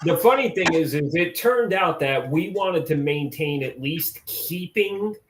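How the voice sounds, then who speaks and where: A man chatting as a guest, thoughtful and measured. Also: on the high side, expressive. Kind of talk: casual chat. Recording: echoey room with faint noise.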